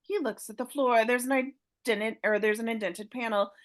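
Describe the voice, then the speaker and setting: Lady reading out the script's stage directions, a bit high-pitched, paced with pauses. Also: fairly even intonation. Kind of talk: reading script action descriptions.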